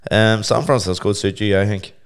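Male podcast host, Northern Irish, low gravelly hoarse voice, sweary teasing banter. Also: fairly even intonation, a little fast. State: hoarse with tonsillitis. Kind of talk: casual bantering podcast chat.

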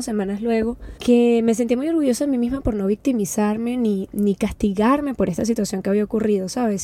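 Woman doing a personal podcast, warm mellow voice, intimate and earnest, keeps saying sabes. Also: medium pitch. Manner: intimate, earnest, speaks of feelings with many "¿sabes?". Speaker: podcast host. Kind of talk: personal reflective podcast monologue.

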